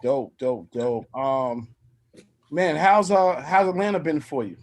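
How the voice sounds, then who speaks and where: Laid-back dude hosting, voice on the higher side, chill. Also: male voice, takes it slowly. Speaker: podcast host. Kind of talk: casual podcast chat.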